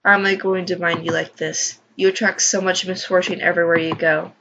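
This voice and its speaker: A woman's voice: lowish voice, level tone, a little fast, vocal fry, background noise. A woman voicing a stern, controlling mother who scolds and commands, in a visual novel read-aloud. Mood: belittling.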